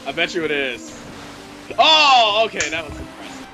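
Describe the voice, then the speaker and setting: A man giving casual gameplay commentary as a co-host, excitable and joking. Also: normal speed. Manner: excitable and joking, with wild swings in pitch. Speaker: let's play co-host.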